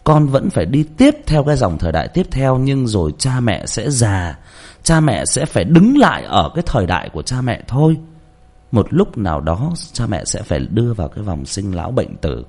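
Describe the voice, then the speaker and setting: Blunt low-voiced man with lively pitch. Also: fairly quick. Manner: blunt, coarse colloquial advice; rambling, repeats and restarts words. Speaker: host giving advice. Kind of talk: casual talk to listeners.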